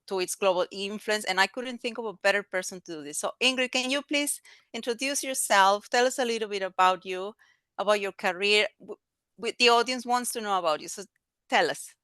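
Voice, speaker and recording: A woman from Mexico hosting an interview podcast, talking in an enthusiastic, animated way with small restarts. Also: medium pitch, no room sound. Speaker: podcast host.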